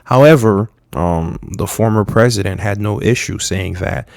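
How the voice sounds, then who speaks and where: A young man from Haiti giving frank, halting political commentary, with many fillers and restarts. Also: on the low side, gravelly, darkish tone, dry recording, clean studio sound. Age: young adult.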